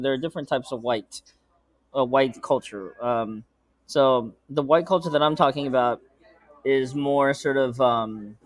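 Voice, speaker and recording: A man's voice: mid-range voice, no room sound. A man, a filmmaker being interviewed, answering casually and hesitantly with many ums and careful restarts. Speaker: filmmaker guest.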